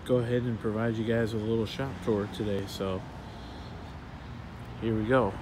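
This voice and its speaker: Walking with a handheld phone, a man tours his print shop's offices and warehouse and explains each machine in an easygoing, technical way stuffed with "uh"s and "um"s. His lowish voice moves at a normal speed and stays flat and even, while an air-conditioning hum is audible underneath.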